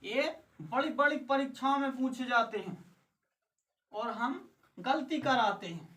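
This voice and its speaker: A woman teaching English pronunciation in a slow lesson, asking questions and answering them herself while repeating each example word. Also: on the high side, fairly bright tone. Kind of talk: slow classroom-style lesson. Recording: voice a bit distant from the mic.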